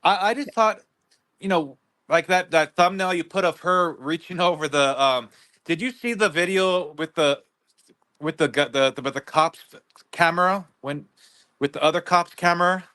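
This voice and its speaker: A man with a fairly high voice talks in a loose, rambling way. He stops and restarts often as he chats as a guest on a livestream. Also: bright, forceful tone. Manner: rambling, halting, many restarts. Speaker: guest neighbor. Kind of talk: casual livestream interview.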